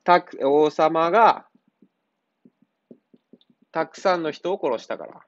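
A man with a slightly high voice and lively intonation speaks slowly, with no room sound and a dull, lo-fi quality. He's a cram school teacher going over answers to a literature exercise, casual and blunt, tossing in teasing asides.

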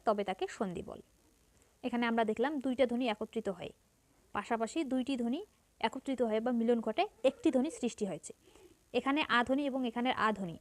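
A woman's voice: fairly high pitch, no room sound. A woman teaching a grammar lesson to students, patiently explaining each point and repeating it.

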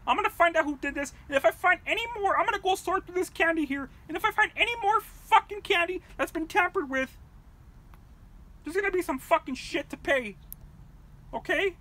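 A woman's voice: very high-pitched, a little fast. A woman voicing a foul-mouthed, furious mother from a puppet world in a comedic vlog rant, cursing and rambling. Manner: profane, shouting, rambling.

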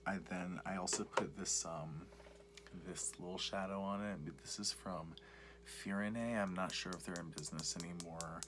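Young man, soft whispered ASMR, breathy low murmur, campy repetitive rambling, loud background noise and clicking. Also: steady tone, normal speed. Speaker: ASMR makeup vlogger. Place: small cluttered room indoors. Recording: noisy home recording with clicking and tapping.

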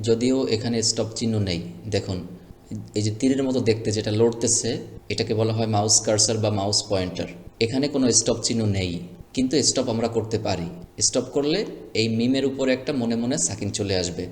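A man teaching Quran reading, spelling out syllables one by one and chanting short recited phrases. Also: medium pitch. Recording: echoey room with long reverb.

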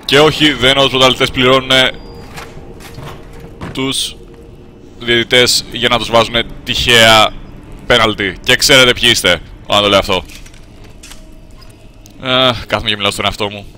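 A man from Greece giving jokey, sarcastic running commentary as he plays a game, jumping to high squeals when startled. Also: steady tone, pauses often, sharp tone, slight background noise. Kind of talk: comedic gameplay commentary in character.

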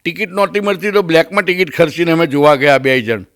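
A Gujarati-accented male comedian telling a funny story and acting out its characters. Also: fast. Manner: animated, acts out characters with raised pitch. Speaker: stand-up comedian. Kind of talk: comic storytelling. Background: audience laughter.

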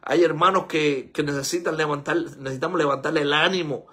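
An older man preaching a sermon as pastor, exhorting and rising to high, emphatic peaks. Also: steady tone, brisk, sharp tone, breathy edge. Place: church sanctuary.

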